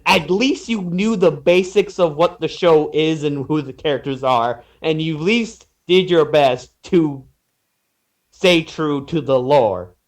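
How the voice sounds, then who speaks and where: A man on a podcast panel reviewing fan fiction chats casually in an unhurried, higher-pitched voice. He stammers, repeats himself, and trails off.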